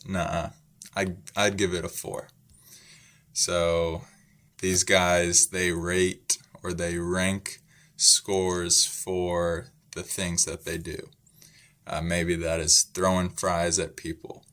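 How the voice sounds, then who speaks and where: A young man from the United States slowly explaining English words to learners, patient, repeating words, with many ums. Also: low-pitched, fairly bright tone. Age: young adult. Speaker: English teacher. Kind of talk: slow, simple ESL explanation.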